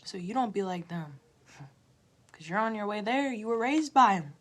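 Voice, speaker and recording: With a medium-pitched, expressive voice at a moderate pace, a woman tarot reader motivates her livestream audience, talking to them directly. She repeats herself, swinging between loud urging and a quiet near-whisper.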